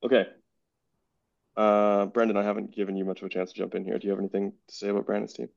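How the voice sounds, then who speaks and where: A man's voice: fairly low pitch, little pitch movement, fast talker, vocal fry, darkish tone, dry recording. A man hosting a casual sports podcast chat, thinking aloud and hedging his views, on a dull, dry lo-fi recording.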